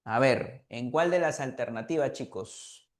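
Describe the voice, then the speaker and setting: Slow-talking male teacher in an echoey room. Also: medium pitch. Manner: asks students questions, fills with "eh" and "¿ya?". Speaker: language teacher. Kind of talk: online review class lecture.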